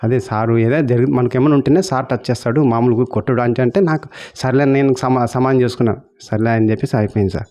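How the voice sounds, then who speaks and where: A man's voice: fairly high pitch, mellow. A man from Kurnool, telling his own meditation experience as a testimony. He keeps calling the listener "sir" and acts out the dialogue he quotes. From Kurnool, India. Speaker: meditation practitioner sharing experience. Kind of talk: personal testimony.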